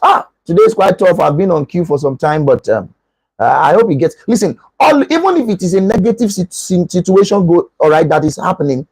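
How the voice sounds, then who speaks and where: A Nigerian pastor giving an animated relationship teaching and acting out short dialogues. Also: male voice, high-pitched, fairly quick, husky, no room sound, low-quality recording.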